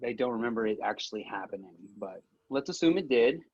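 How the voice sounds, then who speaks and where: A man's voice: medium pitch, animated, fast, darkish tone, breathy edge. Brief: young adult man, rambling self-deprecating storyteller, mid-range voice, a bit muffled recording. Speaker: guest, old friend. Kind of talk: casual chat between old friends.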